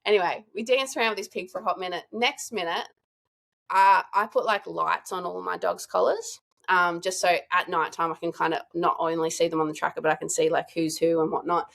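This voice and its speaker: A woman guest telling a lively hunting story in a casual, chatty way. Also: lowish voice, a little fast, gravelly. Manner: chatty, animated, lots of "like" and laughter.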